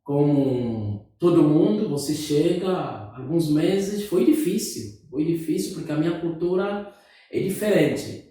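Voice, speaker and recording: A pastor with an Angolan Portuguese accent, whose first language is Lingala, answering interview questions in a hesitant way, often restarting and repeating words. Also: male voice, a little high, expressive, unhurried, mellow. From Democratic Republic of the Congo. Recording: echoey room, mic far off.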